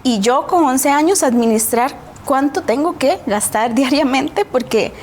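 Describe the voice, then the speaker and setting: A woman's voice: high voice, lively intonation, measured pace, a little mellow. A woman with a Costa Rican accent speaks as a guest in a TV interview, with a voice set a little above the usual range for women. She tells her own story in a reflective, earnest way and often checks in with a questioning tag. A faint hiss sits under her voice.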